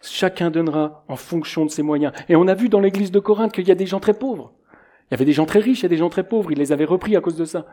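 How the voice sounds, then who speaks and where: A man's voice: high voice, fast talker, warm tone. A middle-aged man preaching a sermon in a conversational way, illustrating his points with anecdotes.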